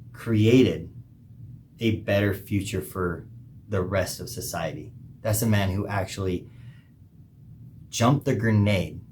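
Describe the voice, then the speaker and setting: Emphatic low-voiced man preaching. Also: slight background noise. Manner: emphatic, preachy, pauses between phrases. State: hiccuping. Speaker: podcast host. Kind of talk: opinionated monologue.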